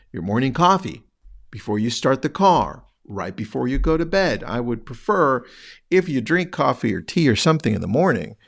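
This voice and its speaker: Gravelly, animated male real estate coach. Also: medium pitch. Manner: direct, coaching, rhetorical questions. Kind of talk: motivational talk to camera.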